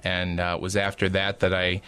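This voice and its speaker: A man in his late twenties from Wisconsin with a very low, smooth, even voice. He talks as a radio guest, hesitant and full of small pauses and fillers. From Wisconsin, USA. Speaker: seminarian guest.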